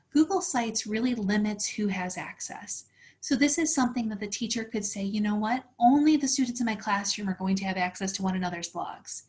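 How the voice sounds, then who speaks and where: A woman leads a teacher training webinar, explaining each step in a friendly, practical way. Her voice sits a little high, and she links her points with many "so"s. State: slightly out of breath. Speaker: teacher trainer presenting a workshop. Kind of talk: instructional webinar walkthrough.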